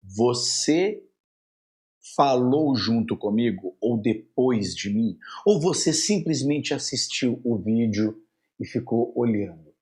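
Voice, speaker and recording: Lively Brazilian English teacher. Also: male voice, mid-range voice, slow. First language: Portuguese. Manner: lively, drilling phrases for the viewer to repeat. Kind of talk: online English lesson.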